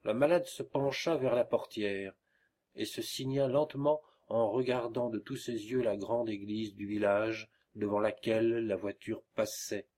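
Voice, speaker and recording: A man reads a classic novella aloud as an audiobook, giving the characters light voicing within his own voice in scripted narration. His voice is lowish and darkish, with fairly even intonation and a measured pace.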